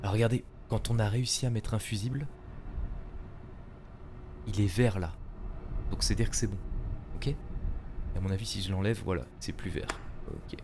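Male streamer, low voice, casual live game commentary, noisy hiss behind. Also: moderate pace, pauses often. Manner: talks to himself and thanks viewers while searching; calls out loudly at the game through the mic. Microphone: streaming microphone.

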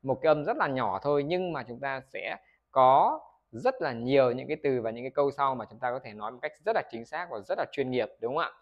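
A man's voice: medium pitch, expressive, quick pace, lo-fi sound. A Vietnamese man teaching English pronunciation in a video lesson. He keeps asking the viewers questions, answers them himself and models words for them to repeat.

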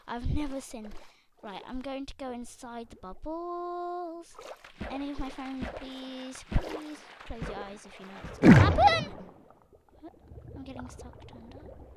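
A young woman, chatting excitedly to viewers while she plays a game. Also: high-pitched, unhurried. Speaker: gaming channel host. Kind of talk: casual gameplay commentary. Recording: loud background noise.

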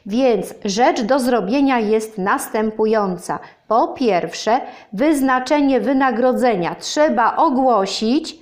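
A self-important old owl who loves long, difficult words, voiced by a woman storyteller. She lectures in a fussy, slow manner. It is a gentle storybook reading for children. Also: a little high. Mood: lecturing. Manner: pompous, lecturing.

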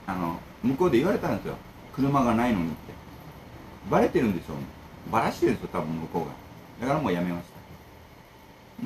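Talking to camera in a loose, rambling way, a man who runs a bento shop and hosts the channel hops between grumbles and tips. He has a mid-range voice, and the rough recording has some hiss or hum.

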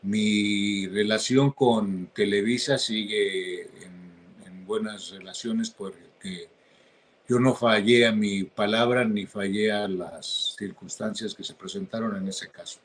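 Hesitant man, lowish voice. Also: fairly even intonation. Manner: hesitant, halting, with many restarts. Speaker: interview guest. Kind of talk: interview.

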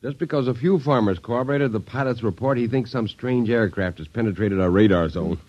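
A man's voice: mid-range voice, fairly quick, darkish tone, natural voice. An actor playing a breezy Air Force officer and father in 1950s radio acting, offhand in manner. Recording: dull 1950s radio recording.

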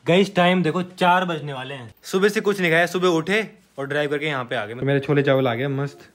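A young man chatting casually to his viewers in a vlog. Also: a little high. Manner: quick, chatty, addresses viewers. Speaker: vlogger.

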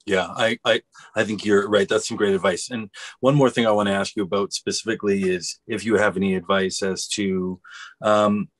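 A man's voice: on the low side, fairly even intonation, normal speed, no room sound. A man in his thirties hosting a podcast over a video call with a headset, asking long questions with many fillers. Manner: hesitant questions full of fillers. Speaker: podcast host. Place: small home room.

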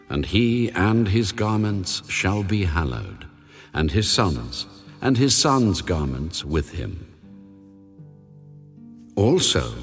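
An actor playing God as a solemn, commanding male deity, giving sacred instructions deliberately in a dramatized audio Bible. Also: on the low side. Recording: long reverb over background music. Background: music.

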